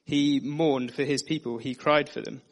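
Earnest man preaching a steady sermon. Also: medium pitch, normal speed. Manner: earnest, steady teaching delivery with scripture readings. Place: dim room.

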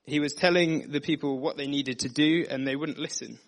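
Earnest man preaching a steady sermon. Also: a little high, brisk. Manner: earnest, steady teaching delivery with scripture readings. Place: dim room.

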